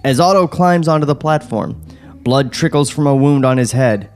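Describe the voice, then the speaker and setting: On a comedy podcast recorded in a studio, a man reads screenplay stage directions in a table read, slipping into casual banter. His voice is medium-pitched and a little mellow, at a moderate pace, with faint music behind him.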